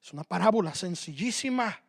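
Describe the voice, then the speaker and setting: A man preaching a sermon as pastor, moving between loud emphatic passages and quiet asides. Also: high voice, lively intonation, fairly quick, gravelly, no echo, clean studio sound.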